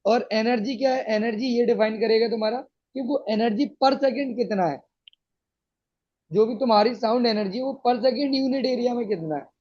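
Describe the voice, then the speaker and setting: A man's voice: very high-pitched, moderate pace. A male teacher explaining a science lesson to students, patiently checking that they follow. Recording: dull lo-fi sound.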